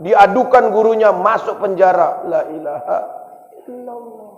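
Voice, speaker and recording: A man with a Medan accent preaches a Ramadan sermon in a fairly high voice. He tells stories briskly and keeps turning to the listeners with questions. The sound is dull and rings with a long reverb in a prayer hall. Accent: Medan Indonesian. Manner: lively storytelling, addresses audience directly. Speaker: ustaz preacher.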